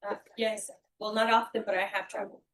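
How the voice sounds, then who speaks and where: A woman's voice: medium pitch, flat delivery, quick pace, a bit bright. A woman working as a court interpreter, relaying testimony sentence by sentence.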